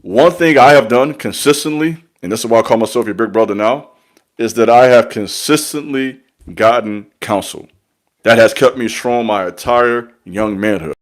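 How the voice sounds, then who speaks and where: A man's voice: mid-range voice, normal speed. A young man giving an earnest, repetitive motivational talk on spiritual growth, speaking like a preacher to his followers. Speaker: online spiritual mentor.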